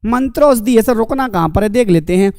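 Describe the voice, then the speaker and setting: A man's voice: sits high, quick pace, vocal fry, a little mellow, clear, resonant tone, no echo, studio quality. A man teaching an online exam-prep lecture, asking the class questions and answering them himself, calling the students his dear companions.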